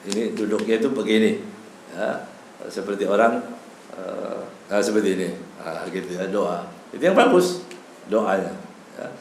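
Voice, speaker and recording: A man's voice: on the low side, animated, moderate pace, pauses often. Man teaching in an echoey mosque. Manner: casual teaching sprinkled with Arabic phrases; acts out quoted voices with humor. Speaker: religious teacher. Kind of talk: evening mosque lecture. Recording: echoey hall, faint background noise.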